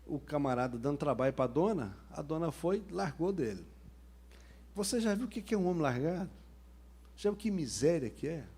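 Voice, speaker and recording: A man's voice: a little high, big pitch swings, a little fast, warm tone, husky. A man, a pastor preaching a sermon in a humorous, colloquial storytelling manner.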